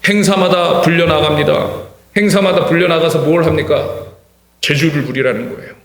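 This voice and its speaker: A male pastor preaching an impassioned sermon in a church, repeating words for emphasis and swinging from hushed to shouting. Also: on the high side, steady tone, normal speed. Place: church sanctuary. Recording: reverberant church hall.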